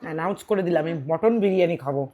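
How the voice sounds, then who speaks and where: Fast-talking and low-voiced, a thirty-something mukbang vlogger banters casually on her home eating show. She teases and squabbles playfully, her mood swinging from quietly reflective to loudly animated.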